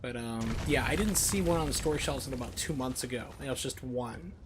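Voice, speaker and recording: A man streams himself playing a video game, offering casual, opinionated, emphatic commentary live as he plays. His voice is mid-range and fairly quick, with background noise in the mix.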